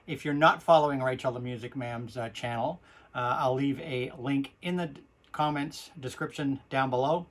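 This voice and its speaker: A man's voice: mid-range voice, moderate pace. Canadian man with a missing tooth. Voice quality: speaks with a missing front tooth. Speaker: host of a record collecting vlog. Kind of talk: casual chat to viewers.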